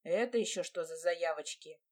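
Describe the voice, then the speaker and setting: A woman's voice: on the low side, normal speed, lightly acted. A woman reading an audiobook, voicing an arrogant young nobleman who speaks curtly and scornfully. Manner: curt and scornful.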